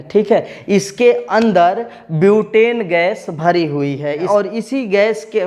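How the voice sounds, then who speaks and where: A man's voice: high voice, darkish tone. A man explaining, step by step, how to weld AC copper pipes, talking directly to his students as an instructor. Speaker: AC repair instructor. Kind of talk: tutorial lesson.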